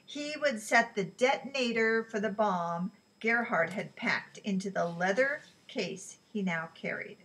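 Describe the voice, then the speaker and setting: Woman reading a novel aloud, relaxed, stumbles and corrects herself, mid-pitched. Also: unhurried, few pauses, rough recording. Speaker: reader.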